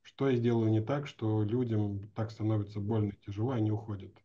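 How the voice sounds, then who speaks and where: Over dull, lo-fi video call audio, a forties-aged animation teacher answers interview questions casually, thinking aloud with plenty of slang. He talks fairly quickly in a lowish voice with little pitch movement, calling in from indoors at home or office.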